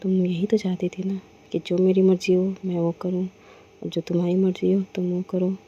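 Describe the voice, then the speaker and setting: A woman's voice: lowish voice, monotone, a little fast, warm tone, husky. A woman voicing a teasing, stubborn young woman. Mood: insistent. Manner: teasing, insistent. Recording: dull lo-fi with faint noise.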